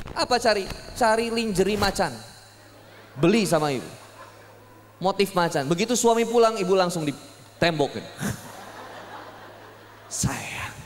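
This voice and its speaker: A young man preaching a sermon, joking and telling lively stories to his audience. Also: high voice, long reverb tail, slight background noise. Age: young adult. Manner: lively, joking storytelling with voiced asides. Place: public hall gathering.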